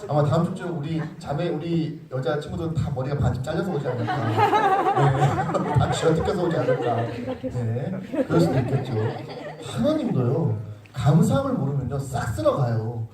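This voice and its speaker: A man's voice: a little high, very animated, a little fast, over a noisy crowd. A young man preaching a sermon to middle schoolers as a youth pastor, talking informally, teasing, and acting out quotes with laughs. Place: church sanctuary. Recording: echoey room, far from the mic.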